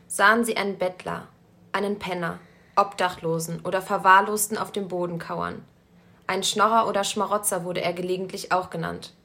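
A woman narrating a story aloud in a calm, measured storytelling voice. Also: fairly low pitch. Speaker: story reader.

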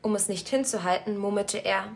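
A woman narrating a story aloud in a calm, measured storytelling voice. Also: medium pitch, vocal fry. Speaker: story reader.

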